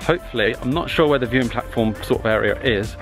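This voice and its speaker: Over background music, the young man speaks fast in a mid-range voice, chatting casually to a camera held out at arm's length. He's a travel vlogger at a desert rock site and in his campervan, relaxed and talkative but hesitant with loose fillers.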